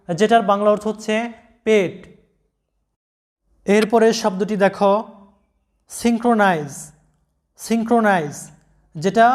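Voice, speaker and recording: A man giving a slow, deliberate vocabulary lesson, spelling out letters and repeating each word. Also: high-pitched, darkish tone. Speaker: English pronunciation teacher.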